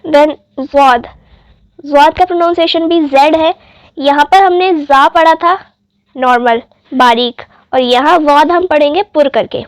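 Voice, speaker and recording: Woman teacher going thru the alphabet letter by letter, high voice, super slow, dry close sound. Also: dry recording. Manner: spells out letters one by one, patient and deliberate. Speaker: Urdu teacher.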